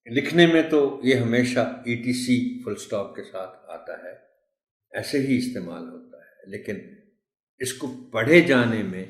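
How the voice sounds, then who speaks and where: A man giving a pronunciation tutorial for teachers, slowing down to spell out and carefully enunciate English words. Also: fairly low pitch, reverberant. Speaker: teacher trainer.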